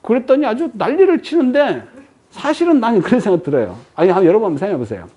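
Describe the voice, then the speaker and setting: Lively woman lecturing with questions. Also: medium pitch, rapid-fire, husky. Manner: lively rhetorical questions to the audience.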